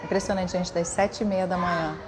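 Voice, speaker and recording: A woman's voice: fairly low pitch, fairly even intonation, fairly quick. A woman with a Brazilian Portuguese accent hosting a casual live chat, greeting viewers by name one after another. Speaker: livestream host. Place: home above a noisy schoolyard. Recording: noisy background of children shouting. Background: children shouting and playing.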